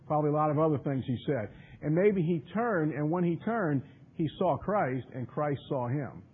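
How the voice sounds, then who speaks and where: Husky-voiced preacher on a tinny radio broadcast. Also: male voice, fairly high pitch, animated, normal speed. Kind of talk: expository Bible study sermon.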